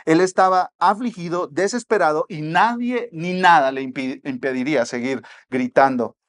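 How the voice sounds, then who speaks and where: Emphatic Mexican pastor preaching. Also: male voice, a little high, normal speed. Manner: emphatic, swinging between soft asides and loud exhortation. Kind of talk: sermon.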